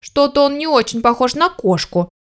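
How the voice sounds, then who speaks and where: A woman's voice: very animated, a little slow. A woman doing a timid little puppy. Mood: earnest. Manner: high plaintive pleading voice. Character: small lost puppy boy, timid and earnest.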